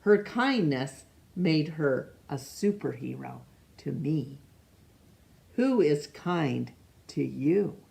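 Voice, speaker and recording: A deep, creaky voice with lively intonation belongs to a woman reading a picture book aloud for children. As a storytime reader she is slow and gentle, poses questions to the listener, and occasionally rereads names she stumbles over.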